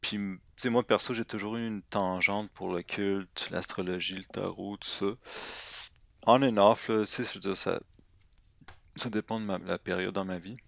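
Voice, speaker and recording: A man's voice: on the low side, fairly even intonation, moderate pace, vocal fry, a bit bright, dry recording. A man in his twenties with a Québécois French accent, delivering a comedic, rambling monologue to camera, full of hesitations, slang and restarts. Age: 20s. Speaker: vlogger.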